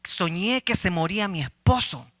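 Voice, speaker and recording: A man's voice: sits high, animated, normal speed, a bit bright, no room sound, studio quality. A man voicing a frightened churchgoing woman who anxiously confesses her dreams to her pastor in a joke. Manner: anxious, pleading.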